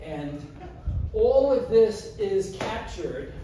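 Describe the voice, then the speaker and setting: Animated man telling a story in an echoey hall. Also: sits high, drawn-out words, distant mic, a little hiss or hum. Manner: animated, acts out scenes with gestures. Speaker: public speaker. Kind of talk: storytelling speech. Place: community hall, indoors, large room. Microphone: far camera, no mic.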